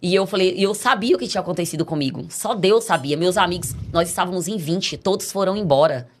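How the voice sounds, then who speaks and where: Brazilian lady on a podcast telling her story, kinda low voice, does all the voices herself. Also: fast, slight background noise. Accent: Brazilian Portuguese. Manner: lively storyteller acting out quoted voices. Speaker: podcast guest giving a testimony. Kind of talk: casual storytelling testimony.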